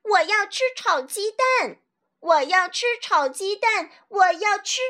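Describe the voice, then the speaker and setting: A woman voicing a noisy, stubborn little boy who shouts and insists. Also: high voice, very animated, takes it slowly, exaggerated voice. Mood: loud, pleading.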